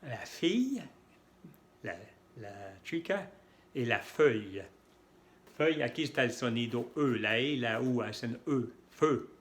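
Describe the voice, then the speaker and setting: A man gives a slow, patient pronunciation lesson, modeling each sound and repeating words so learners can follow. His voice sits at an ordinary middle pitch, and his pace is unhurried and careful. Spanish is not his first language. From French-speaking. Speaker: French pronunciation teacher. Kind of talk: slow explanatory lesson with examples.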